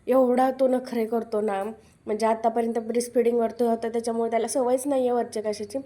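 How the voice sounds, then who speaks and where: A young mother with a Marathi accent talks candidly about her children and advises other mothers in a casual home vlog. Her slightly high voice is warm but flat in delivery, and she speaks quickly.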